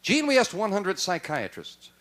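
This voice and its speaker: An American man hosting a game show, announcing questions and results with animated emphasis in a television studio. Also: sits high, moderate pace. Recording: noisy TV studio with crowd.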